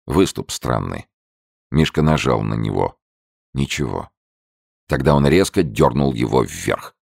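A man narrating a crime novel in a measured, expressive storytelling manner. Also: very deep voice, creaky, dry recording, studio quality. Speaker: audiobook narrator.

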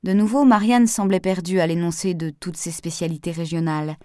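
A woman with a lowish voice reads a novel aloud in a steady, even manner. The recording is dry and close, with no room sound. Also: a little fast, clear, resonant tone, no room sound. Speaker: narrator. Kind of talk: audiobook narration.

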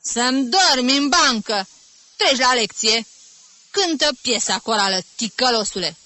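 A woman's voice: animated, dry recording. Woman voicing a shrieking irate bald music teacher. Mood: scolding. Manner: shouting insults, shrill and explosive.

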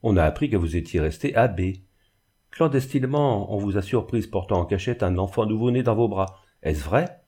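A man's voice: lowish voice, animated, moderate pace, warm tone, slightly rough. A man reading the part of a harsh, severe old spinster seamstress in an audiobook. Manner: severe, accusing.

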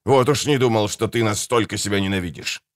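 A man's voice: fairly low pitch, brisk, lightly acted. A man playing an icy, sarcastic writer. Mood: cold, sarcastic. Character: cold, sarcastic middle-aged male writer.

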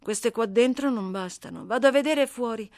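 Brief: woman reader playing a blunt, chatty young runaway girl, loud and high, dry booth sound. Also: moderate pace, dry recording, close to an everyday voice. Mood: chattering. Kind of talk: audiobook character reading.

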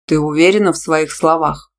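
Gruff, pushy young dragon man voiced by the audiobook reader, growls his lines, stubborn and demanding. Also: on the high side, steady tone, normal speed, slight background noise, natural voice. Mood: insistent. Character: brash young male dragon shifter, pushy teacher. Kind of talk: audiobook character voice.

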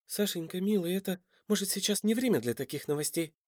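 A man voicing a frightened young mother who speaks softly, pleading and tearful. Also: high voice, fast, dry recording, studio quality, pitched above the performer's own voice, close to an everyday voice.

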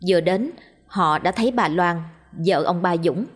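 A woman narrating a scripted ghost story in an even, measured storytelling manner. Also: lowish voice. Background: faint music.

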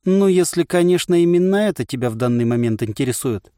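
A man's voice: on the high side, expressive, a little fast, dark tone, smooth, dry recording, studio quality, close to an everyday voice. A man voicing a cheerful, insane male voice inside the hero's head that chirpily recites adverts in an audiobook.

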